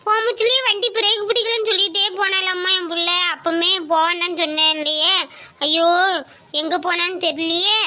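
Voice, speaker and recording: A woman plays a fretful mother who scolds and then wails in a high, piercing voice. She moans in a worried, drawn-out way, like a homemade skit. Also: steady tone, sharp tone. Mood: wailing. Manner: wailing, fretful. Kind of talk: skit acting.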